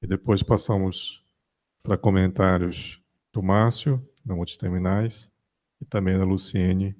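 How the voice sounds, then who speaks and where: A man's voice: low voice, steady tone, measured pace, a little mellow. A man with a Brazilian Portuguese accent moderating a conference panel, hesitant, with frequent fillers. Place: conference stage.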